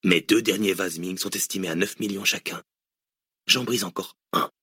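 A male audiobook reader voicing a cynical, deranged hooded villain who lectures mockingly and erupts into shouts. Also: sits low, moderate pace, breathy edge, no room sound, clean studio sound, exaggerated voice. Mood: lecturing. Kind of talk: audiobook reading.

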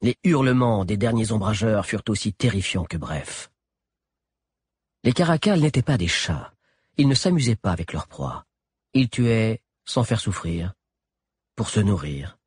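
A low, slightly husky male voice reads an adventure novel aloud with lively rise and fall. The delivery is expressive, with a clear storytelling rhythm. The sound is dry and close, with no room echo. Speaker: audiobook narrator. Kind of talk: scripted narration.

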